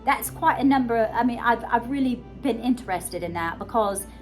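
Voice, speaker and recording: An American woman born in Georgia who has adopted a British accent gives a casual, rambling self-help monologue as a vlogger and self-help coach. She speaks emphatically and conversationally at a moderate pace, with a fairly high pitch and lively intonation. Soft music plays in the background.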